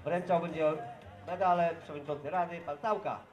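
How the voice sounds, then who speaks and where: A man announcing competition results through a megaphone, calling names slowly and formally and often asking for attention. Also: a little high, steady tone, muffled recording. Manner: formal, slow calls of names with repeated calls for attention. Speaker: event announcer. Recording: echoey loudspeaker sound with music behind.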